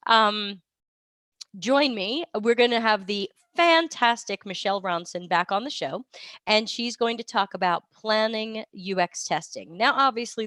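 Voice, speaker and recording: Speaking from a travel room or hotel, a woman who has a cold runs a live Q&A stream in a casual, chatty way, rambling and regularly correcting herself. Her medium-pitched voice is a bit bright, recorded with studio quality and no echo.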